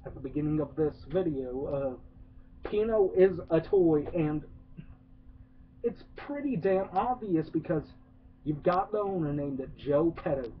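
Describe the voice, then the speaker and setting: A man's voice: on the high side, expressive, unhurried, a little hiss or hum. A man ranting through a sarcastic movie review, rambling with lots of "uh"s and swearing. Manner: rambling, profane, many filler "uh"s, sarcastic. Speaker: film reviewer. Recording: tinny phone-like lo-fi.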